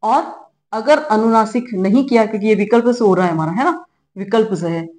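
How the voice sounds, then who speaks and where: A mid-range, slightly mellow voice moves fairly quickly as a middle-aged woman teaches grammar classroom-style, breaking it down step by step. She is patient and often checks on her students with "ठीक है" and "है ना".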